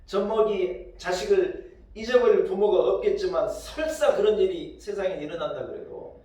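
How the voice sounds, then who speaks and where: A male pastor preaching a sermon with emphatic, rising delivery that swells into loud exclamations, recorded in a church. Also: sits high, normal speed, far from the mic. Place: church sanctuary. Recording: very echoey hall, voice from afar.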